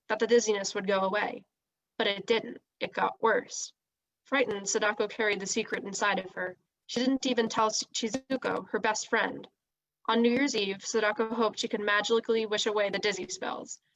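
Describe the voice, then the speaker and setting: A woman reads a children's novel aloud in a steady, expressive storytelling voice. Her pitch sits in an ordinary middle range. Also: poor audio. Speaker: reader.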